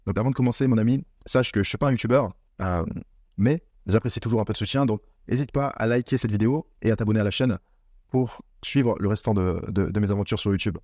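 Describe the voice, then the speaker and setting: A man with a lowish, slightly mellow voice talks fast straight to the camera, recorded in clean studio sound with no echo. He's an online business coach giving an earnest, repetitive motivational talk on business mindset.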